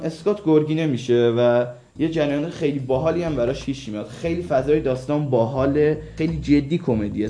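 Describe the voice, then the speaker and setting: A man's voice: fairly high pitch, dark tone. A man co-hosting a radio show, recommending series in a casual, teasing banter. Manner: teasing, joking.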